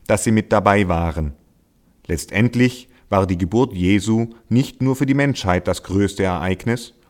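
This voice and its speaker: A man reading a Christmas devotional story aloud in a calm, measured way, slowing down for quotations. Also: fairly low pitch. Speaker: reader.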